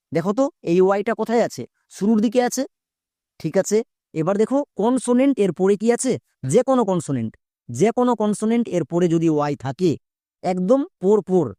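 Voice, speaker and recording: An English pronunciation teacher giving a spoken spelling lesson, breaking words into sounds step by step and pausing for quick check-in questions. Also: mid-range voice, mellow, dry recording, clean studio sound. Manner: repetitive, patient explaining.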